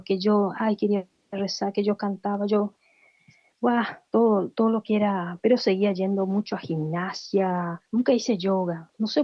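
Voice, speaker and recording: A woman's voice: medium pitch, no room sound, dull audio. A woman giving a heartfelt personal faith testimony, acting out the voices of people she quotes. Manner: emotional storytelling, acts out quoted voices.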